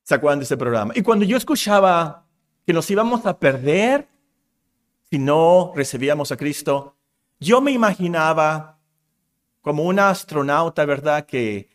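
A middle-aged man preaching a sermon to a congregation, rising in intensity as he builds his point. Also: moderate pace. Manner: animated preaching, pitch rising as he builds to a climax. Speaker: pastor.

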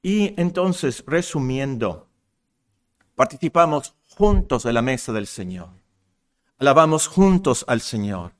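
A man preaching a sermon in earnest, rising and getting louder on key points. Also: a little high. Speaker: pastor.

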